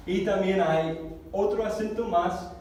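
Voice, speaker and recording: A man teaching a Greek class, explaining slowly and carefully, repeating words and correcting himself as he goes. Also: high voice, a little mellow. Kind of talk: classroom lesson. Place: church classroom. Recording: echoey room recorded from a distance.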